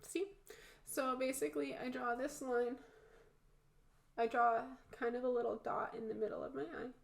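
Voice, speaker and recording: A woman's voice: sits high, steady tone, normal speed, gravelly. A woman with a blocked-nose sound talking in an informal, rambling, candid way, as in a casual makeup tutorial. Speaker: makeup vlogger. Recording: roomy echo.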